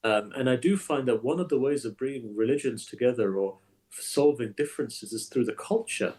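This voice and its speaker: A man, an imam, builds his arguments in a conversational interview by repeating his words, his delivery emphatic and lively. He's a guest, speaking in a mid-range voice at normal speed.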